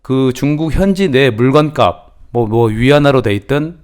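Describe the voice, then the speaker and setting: A middle-aged man with a lilt talks viewers through import costs in a relaxed, homespun way. His voice sits at a middle pitch and he speaks in casual, familiar speech. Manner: folksy, calls himself grandma, banmal to viewers. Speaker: channel host teaching importing. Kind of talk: casual instructional talk.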